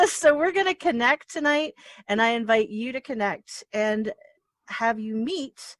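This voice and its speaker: This talk show host has a fairly high voice and an effusive, animated manner, laughing easily during a casual interview chat. She takes it slowly, and the recording is dry and close.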